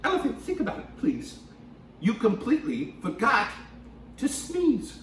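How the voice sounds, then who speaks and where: A man doing a squeaky, cheeky little mouse. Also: very animated, normal speed, fairly bright tone, slight background noise, exaggerated voice. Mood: teasing. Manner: teasing, squeaky. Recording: echoey room from a distance.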